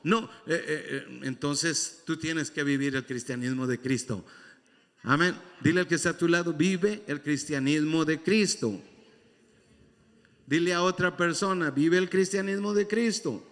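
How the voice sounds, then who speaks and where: A man's voice: fairly high pitch, unhurried, fairly bright tone. A male pastor preaching a Spanish sermon to his congregation, repeating his key lines and calling on the listeners to answer and turn to their neighbours. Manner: preaching with repetition and call-and-response to the congregation. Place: church sanctuary. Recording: long hall reverb in a church.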